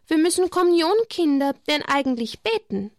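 A woman's voice: sits high, normal speed, dry recording, clean studio sound, voice pushed up. A woman reading the part of an eager little shepherd girl in a children's storybook. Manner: excited, pleading storybook reading.

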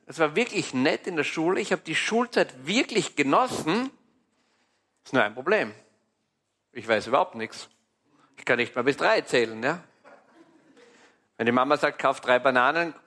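A man with an Austrian accent giving a lively, colloquial sermon, acting out little dialogues. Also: a little high, moderate pace, long pauses. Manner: animated, colloquial, playful with acted-out dialogue. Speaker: preacher.

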